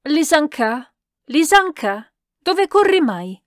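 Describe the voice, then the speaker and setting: A fussy, imperious elderly countess scolding her household, put on by a woman reading the story aloud. Her voice climbs and gets louder with each command, sharp and peevish. The recording is dry and close. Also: fairly high pitch, animated, slow, no room sound.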